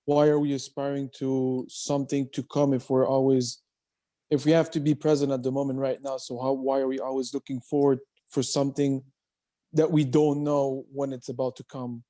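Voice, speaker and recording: Male student, earnest question, even flat delivery, mellow tone. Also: mid-range voice, normal speed. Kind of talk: question at a talk. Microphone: video call.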